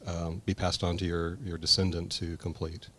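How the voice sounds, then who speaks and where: Deep-voiced man, thoughtful bonsai expert. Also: level tone, bright, forceful tone. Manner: thoughtful, halting, with fillers. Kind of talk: casual interview answers.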